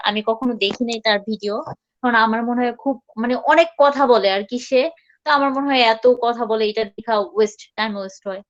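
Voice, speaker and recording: A woman teaching English pronunciation in a live online class, chatting casually and repeating words slowly for students to copy. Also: on the high side, muffled recording.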